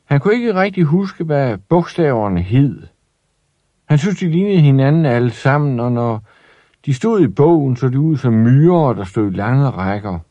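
A man reading a children's story aloud in an expressive, lively way. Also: medium pitch, dry recording, muffled recording.

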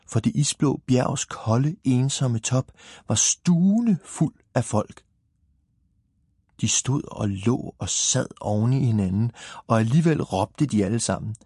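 A man calmly narrating a children's story in a measured reading. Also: mid-range voice, slightly rough, no room sound, studio quality.

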